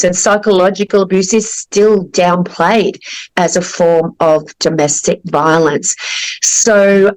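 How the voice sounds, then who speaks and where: An Australian woman hosting a podcast interview, speaking deliberately with frequent fillers and restarts. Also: mid-range voice, low-quality recording. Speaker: podcast host.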